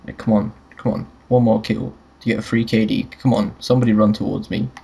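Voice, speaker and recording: Young male gamer-host, husky, crude and jokey chatter over gameplay. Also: lowish voice, fairly even intonation, brisk, mellow. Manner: crude, joking, laughs often. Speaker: gaming channel host. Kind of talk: casual gameplay commentary chat.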